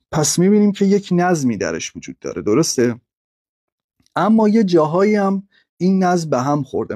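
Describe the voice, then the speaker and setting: A man's voice: on the high side, warm tone, slightly rough, no room sound, studio quality. A man teaching a literature lesson over slides, methodically breaking words into syllables.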